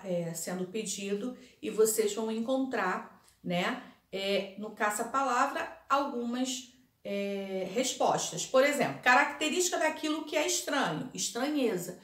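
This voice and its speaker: A woman teacher giving a recorded lesson, explaining slowly, repeating words and answering her own questions. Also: fairly high pitch, expressive, a bit bright. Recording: echoey room.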